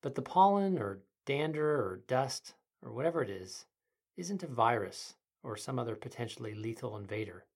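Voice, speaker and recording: Meditation podcast narrator: mid-range, breathy and husky, gentle soothing delivery, measured phrasing. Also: mid-range voice, sing-song. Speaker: guided meditation podcast host.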